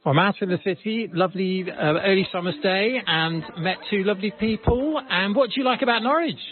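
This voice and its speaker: A clergyman hosting a radio chat, talking gently and hesitantly with many pauses and restarts. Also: high voice. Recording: narrow phone-like radio sound.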